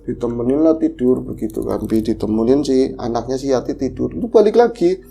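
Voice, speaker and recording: Man, casual horror storyteller, gravelly and dark. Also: mid-range voice, a little fast, slight background noise. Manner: animated, acts out the voices of characters. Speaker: podcast storyteller.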